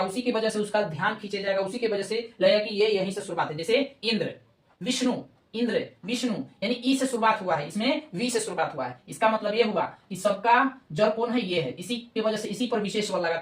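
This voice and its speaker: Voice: medium pitch, reverberant. A teacher giving an online grammar lesson, explaining step by step, asking rhetorical questions and answering them, and repeating key terms.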